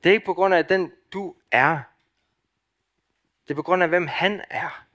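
A young man preaches in a Danish accent, his voice bright and ringing. He delivers the sermon with passion, pushing up into loud emphatic peaks and then dropping to hushed, intimate lines. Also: sits high.

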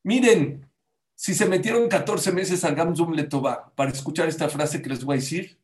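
A man preaches as a rabbi, animated, with the voices he quotes acted out. His voice sits somewhat high. The room around him is echoey. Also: brisk. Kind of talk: sermon.

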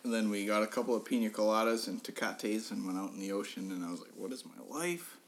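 Young male podcast co-host with a lowish voice, casual and profane, laughs through his own story and restarts his sentences a lot. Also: little pitch movement, quick pace.

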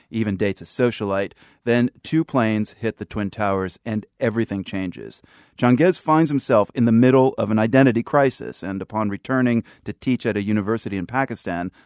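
Low-voiced male radio host, dry studio. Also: no room sound. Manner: steady, clear delivery. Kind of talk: news interview and scripted narration.

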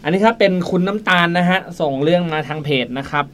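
A man's voice: high voice, fast talker, a little hiss or hum. A man co-hosting a podcast, reading out a listener's submitted ghost story in a polite, casual way. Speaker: podcast co-host.

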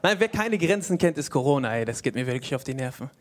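A man's voice: medium pitch, lively intonation, fast. A young man of Palestinian origin doing a stand-up comedy set on stage, telling casual, slangy stories and acting out other people's voices. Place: stage before a live audience. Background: audience laughter.

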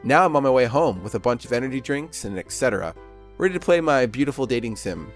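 A man's voice: medium pitch, lively intonation, fast talker, soft background music. Sarcastic man narrating a game. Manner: sarcastic, self-mocking. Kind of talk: comedic playthrough narration.

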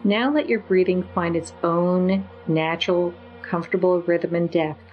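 Woman, meditation guide, very slow and gentle, lowish voice, faint music under. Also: steady tone, muffled recording. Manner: slow, soothing, gentle instructions.

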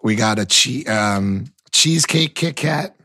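A man with a hoarse, husky voice co-hosting a casual podcast, laid-back and dry, laughing easily. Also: fairly low pitch, expressive, unhurried, bright, forceful tone, dry recording. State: hoarse, voice shot. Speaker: podcast co-host. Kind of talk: casual chat.

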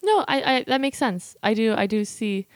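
A young adult woman co-hosting a podcast in natural, unscripted casual talk, hesitant and halting as she speaks. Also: a little high, sing-song, no echo, clean studio sound. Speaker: podcast co-host.

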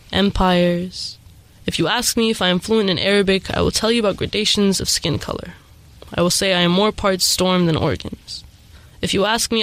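A woman's voice: mid-range voice, a bit bright, low-quality recording. A young American woman from California, speaking as a guest poet on the radio. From California, United States. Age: young adult. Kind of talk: radio interview and poetry reading.

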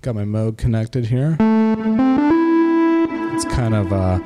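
A man giving a casual, halting demo of his music software, with a reverb effect on his voice. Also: lowish voice. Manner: halting, many fillers. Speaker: music producer.

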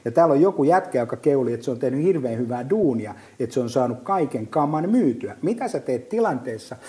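On a relaxed podcast chat, a middle-aged business guest talks in a husky, mid-range voice. He tells stories with energy and color, stumbling through frequent fillers and restarts.

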